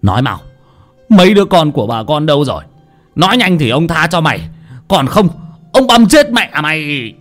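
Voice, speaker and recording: A man voicing a furious old village father who shouts curses. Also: very high-pitched, lively intonation, normal speed, faint music behind, pitched above the performer's own voice, heavily acted. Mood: enraged.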